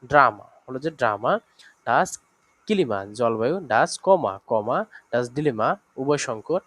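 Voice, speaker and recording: A man gives an online language lesson. He reads word after word in a patient, steady rhythm, stopping for fillers and quick checks with the learners. His pitch sits at a middle level for a man. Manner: explains slowly, lists examples with many fillers and checks. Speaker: language teacher.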